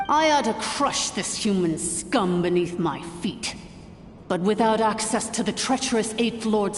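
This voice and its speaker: A woman playing an arrogant, cruel dragon lord in a video game, speaking in a grandiose, contemptuous way. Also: high-pitched. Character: arrogant, cruel female almighty dragon lord, scornful villain. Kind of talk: theatrical video game villain acting. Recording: long echoing reverb, background noise.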